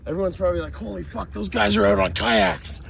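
A man vlogging from a kayak on a rough river, excited and swearing a lot as the waves hit. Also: high-pitched, low-quality recording. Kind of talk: casual swearing chat. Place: outdoors on a windy river in a kayak. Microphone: action camera mounted on kayak. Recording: windy outdoor action-camera audio. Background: wind and rushing water.

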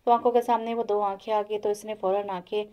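A woman narrating an audio novel in a calm, steady storytelling voice. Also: mid-range voice, fast, muffled recording.

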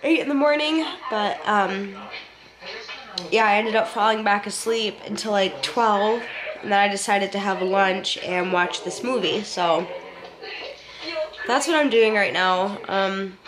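Congested with a head cold, a young woman vlogger sits on her living room couch speaking straight into a handheld camera held close to her face, her voice stuffy and nasal. She rambles easygoingly and chattily, with casual swearing. Her mid-range voice is a little slow, and the poor audio includes crowd noise.

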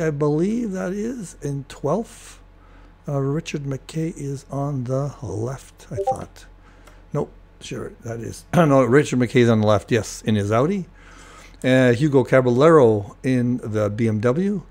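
An older man hosting a casual sim racing replay, talking in a relaxed, rambling way with many fillers, his voice cracking and often clearing his throat. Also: mid-range voice, slow. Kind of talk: casual race replay commentary.

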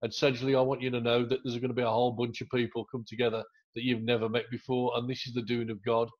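A middle-aged pastor hosts a church interview over a video call through an earphone headset. He sounds affirming and encouraging, with a level, even delivery. The call audio is dull and muffled. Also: medium pitch, quick pace. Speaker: pastor and host. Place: room at home, indoors.

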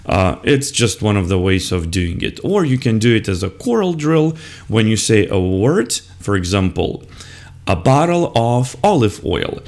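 A man's voice: lowish voice, sing-song, a little slow, darkish tone. An older man, an English teacher, talks other teachers through a slide lesson step by step, modelling the words and answers as he goes. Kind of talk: screen-recorded lesson walkthrough. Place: indoors at a computer.

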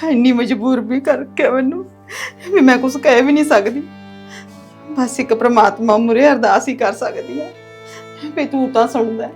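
An actress playing a mistreated wife in a comedy web series, tearfully praying to God for help. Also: female voice, sits high, moderate pace, pauses often, a little mellow, soft background music. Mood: tearful prayer. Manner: pleading prayer.

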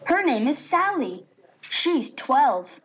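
A woman playing a cheerful nine-year-old boy who introduces his family in a high, lively voice for a classroom listening track. He speaks very slowly and clearly, with a bright, sing-song delivery. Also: slight background noise, exaggerated voice. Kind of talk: recorded textbook listening audio.

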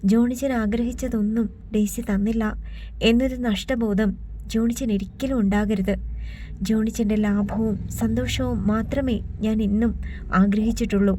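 A woman's voice: on the high side, steady tone, moderate pace, dark tone, slight background noise, natural voice, poor audio. A woman voicing a proud, heartbroken young woman in an audiobook, speaking in a grave, resolute way. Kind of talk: audiobook reading.

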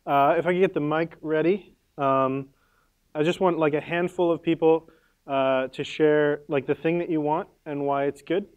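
A man's voice: fairly high pitch, fairly even intonation, normal speed, smooth, dull audio. A man leading a conference workshop in a casual, upbeat way, full of "like" fillers as he gives the audience instructions. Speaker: workshop leader.

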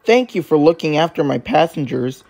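A man's voice: on the high side, expressive, moderate pace, creaky, darkish tone, a little hiss or hum. A man voicing a young, eager, slightly boastful male tank engine in an earnest, fretful way. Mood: grateful.

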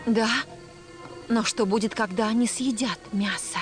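A woman's voice: a little high, fairly even intonation, measured pace, natural voice. A woman voicing an earnest, feisty young adventurer in a dubbed fantasy cartoon, speaking with insistent emotion. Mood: wary, irritated. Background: music.

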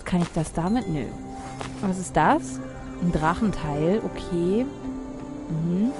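A woman's voice: lowish voice, slow, music in the background. A woman giving casual gameplay commentary as a let's player, reading game text aloud with chatty, muttered asides.

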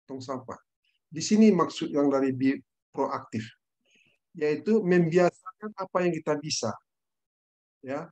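A middle-aged man with an Indonesian accent giving an online class, switching between Indonesian and English and explaining with personal stories. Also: a little high. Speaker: presenter.

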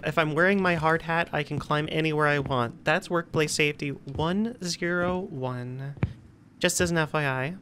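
A woman's voice: deep voice, fairly bright tone, slight background noise. A woman streaming a horror game, chatting and joking playfully to herself as she plays. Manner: playful, jokey, talks to herself while playing. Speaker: gameplay streamer.

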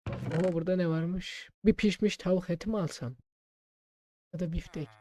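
A man gaming and role-playing, muttering to himself with quick exclamations in casual let's play commentary. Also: high voice, mellow, a little hiss or hum.

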